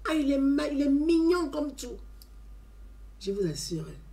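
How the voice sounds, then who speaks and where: A woman telling an animated story as a testimony. She talks emphatically, repeats her phrases and often adds "hein". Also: high-pitched, unhurried. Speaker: community member giving a testimony.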